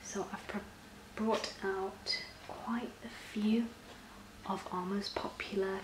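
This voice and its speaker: A woman in an ASMR role-play as a personal shopper, soft-spoken and often breathy, explaining things gently and a little hesitantly. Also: medium pitch, fairly even intonation, slow. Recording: roomy echo, clear background noise.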